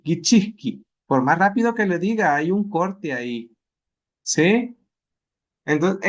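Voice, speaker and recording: A patient male teacher with a Salvadoran accent leads a class. His voice sits high for a man, and he talks at an unhurried pace. He says each practice word aloud several times over. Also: fairly bright tone. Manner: slow, patient, repeats words aloud for drilling. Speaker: language teacher. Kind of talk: live class instruction.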